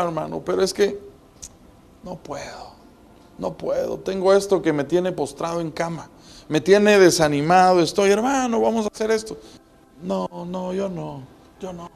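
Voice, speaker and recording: A man's voice: high-pitched, vocal fry. A man preaching a sermon as pastor, building emphasis with rhetorical questions.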